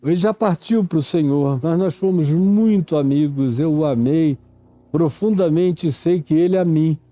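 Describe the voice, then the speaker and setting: Slow, dark-voiced older Brazilian preacher. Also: male voice, fairly high pitch, no room sound, faint music behind. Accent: Brazilian Portuguese. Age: 70s. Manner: slow, unhurried, reminiscing, acts out stammering syllables. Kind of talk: reflective sermon storytelling.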